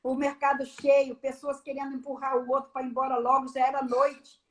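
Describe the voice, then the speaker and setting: High-voiced woman giving a testimony. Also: fairly quick. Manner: animated storyteller, acts out the dialogue. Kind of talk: personal testimony on a live stream.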